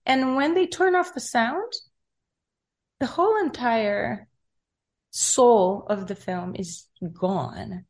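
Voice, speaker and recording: A middle-aged woman telling her story in an interview, soft-spoken and searching for words, with frequent pauses and fillers. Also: fairly high pitch. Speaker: recording artist interviewed.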